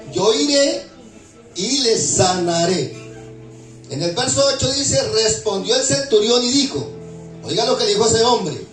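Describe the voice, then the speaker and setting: A man preaching a sermon in a high voice, pausing to call out questions for the congregation to answer back. He sounds distant from the microphone in a roomy, echoing hall. Music plays clearly behind his voice. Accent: Latin American Spanish. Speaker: pastor. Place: church hall. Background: background music.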